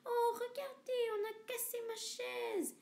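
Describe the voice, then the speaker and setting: A woman voicing a tiny baby bear who cries in a high little voice. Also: steady tone, measured pace, darkish tone, reverberant. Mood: tearful.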